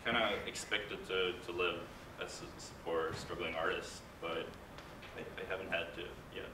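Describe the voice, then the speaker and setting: A man giving a casual conference talk, halting and hesitant with frequent restarts. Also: low-pitched, fairly even intonation. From Norway. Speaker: conference speaker, game composer. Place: large conference hall. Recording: echoey hall, distant mic, room noise.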